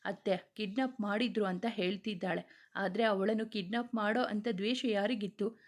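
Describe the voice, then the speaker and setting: A woman reading the lines of a gentle, caring young husband in a storybook tale. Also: medium pitch, fairly even intonation, moderate pace, lightly acted. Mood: firm.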